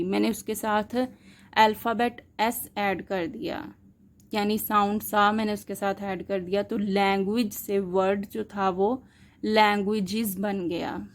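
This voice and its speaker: A woman teaching linguistics in a lecture, explaining terms step by step, asking questions and answering them herself, and mixing English words into her Hindi. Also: medium pitch. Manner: slow, deliberate, spells out examples letter by letter.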